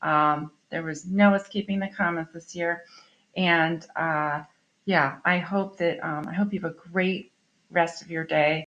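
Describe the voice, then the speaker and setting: A woman's voice: fairly low pitch, steady tone, unhurried, a bit bright, muffled recording. A woman teacher giving a recorded grammar lesson to her students, explaining in a chatty way and checking in with "okay?" often. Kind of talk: recorded online class lesson.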